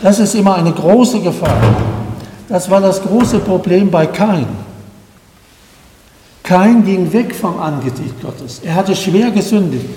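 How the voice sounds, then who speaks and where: A man's voice: high-pitched, lively intonation, slow pace, warm tone, echoey room, big-room sound, a little hiss or hum, poor audio. A man preaching a sermon to a congregation, earnest and pleading, often asking his listeners direct questions.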